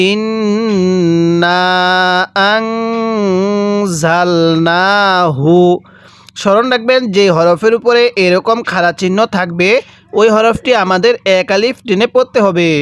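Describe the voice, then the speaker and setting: A man teaching Quran reading, spelling out letters and vowel marks and drawing out syllables slowly for listeners to repeat after him. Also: sits high, dry recording, clean studio sound. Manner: draws out recited syllables very slowly. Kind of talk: step-by-step recitation lesson.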